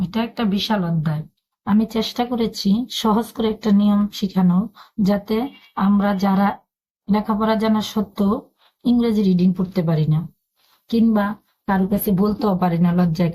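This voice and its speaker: A woman's voice: mid-range voice, steady tone, fairly quick, dark tone. A woman teaching a spoken lesson, patiently spelling out words letter by letter.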